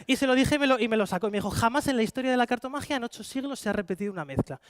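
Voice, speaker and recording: A man's voice: very high-pitched, lively intonation, racing, dry recording, clean studio sound. A man with a Spanish accent performing a live card-magic show, playfully coaxing volunteers from the audience. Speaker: stage magician. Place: conference hall with live audience.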